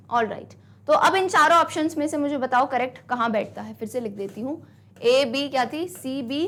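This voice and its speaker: A woman's voice: sits high, a bit bright. A woman teacher, encouraging her students with rhetorical questions and mixing English phrases into the lesson. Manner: mixes English into talk; reads poem lines slowly and deliberately. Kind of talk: online class lesson.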